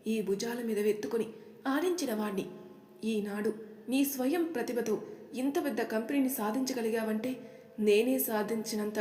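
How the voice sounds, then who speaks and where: A woman's voice: fairly high pitch, warm tone, close to an everyday voice. A woman voicing a middle-aged maternal uncle who is affectionate and scolding, speaking in a fond, chiding way. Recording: echoey room with long reverb.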